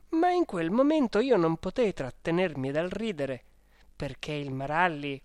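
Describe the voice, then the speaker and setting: An audiobook reader narrating a first-person diary story in a measured, even manner. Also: medium pitch, dry recording. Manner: slow, measured, even reading.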